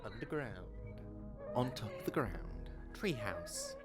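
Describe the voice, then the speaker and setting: A man's voice: mid-range voice, wildly swooping pitch, slow pace, music in the background. A man reading scripted second-person narration for a story game in a dramatic storytelling manner.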